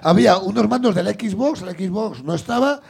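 A man with a gravelly, husky voice, telling a comic story in casual chat and acting out the voices in it. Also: high voice, moderate pace. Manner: animated, acts out voices in his anecdotes. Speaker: comedian host.

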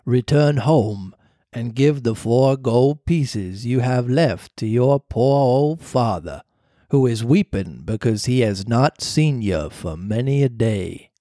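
A podcast reader voicing the faint, grave ghost of an old talking cricket in a storybook reading, slow and measured. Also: mid-range voice, lively intonation, dark tone, no echo, clean studio sound, voice pushed down.

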